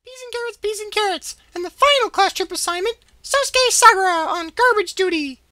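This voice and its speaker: A woman's voice: very high-pitched, fairly quick, sharp tone, clean studio sound. A woman voicing a bossy, hot-tempered teenage schoolgirl in an anime parody, indignant and demanding, in a roomy, echoing recording.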